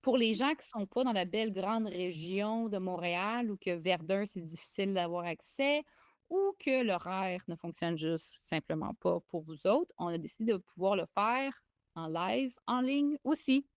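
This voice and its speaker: Young Québécois woman co-host, excitable and chatty, dry booth sound. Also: mid-range voice, moderate pace, no room sound. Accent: Québécois French. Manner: excitable, chatty, frequent fillers and restarts. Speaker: podcast co-host. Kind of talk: casual podcast chat.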